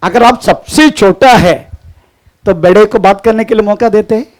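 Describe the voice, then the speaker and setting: A man's voice: high-pitched, moderate pace. A middle-aged male pastor preaching a sermon, often breaking in with praise the Lord and echoing the Bible reader's lines. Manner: repeats the reader's lines, frequent "praise the Lord" and "haan" interjections.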